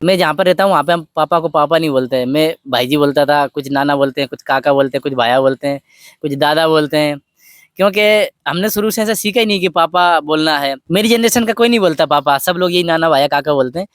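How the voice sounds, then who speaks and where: A man talking softly and from the heart in a personal vlog, telling a story at an unhurried pace. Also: on the high side, dry recording, clean studio sound. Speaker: vlogger. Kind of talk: personal reflective talk.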